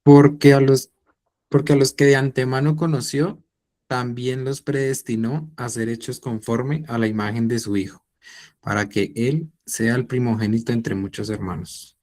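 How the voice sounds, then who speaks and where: A man's voice: medium pitch, fairly even intonation, moderate pace, darkish tone. A man in a Bible class reading a scripture passage aloud carefully. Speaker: class participant.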